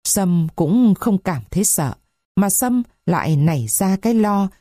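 Woman, audiobook story narration, slow somber reading, dry close sound. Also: mid-range voice, big pitch swings, mellow, no room sound.

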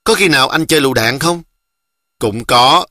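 A man's voice: medium pitch, moderate pace, bright, forceful tone, no echo, studio quality, lightly acted. A man voicing a young male army deserter who talks earnestly to his mother. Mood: boastful.

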